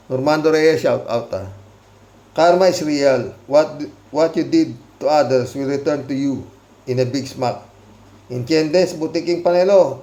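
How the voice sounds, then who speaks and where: A man with a slightly high but mellow, soft-edged voice, reading viewer comments aloud and adding sarcastic, mocking asides. He laughs often and talks casually, as a host does with regulars. The recording has a roomy echo around it.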